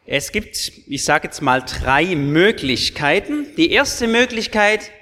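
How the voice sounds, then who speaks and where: A male pastor gives an earnest sermon, addressing his listeners directly with emphatic questions. His voice sits somewhat high for a man, and he speaks slowly and deliberately. The church hall lends a long, trailing reverb. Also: big pitch swings, pushed and bright. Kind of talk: sermon to confirmands.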